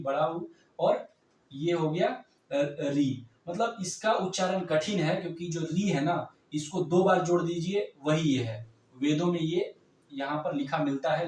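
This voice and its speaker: A man's voice: fairly high pitch, darkish tone. A man teaching a Hindi grammar lesson for exam preparation, patiently repeating points and answering his own questions. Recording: echoey room, voice from a distance.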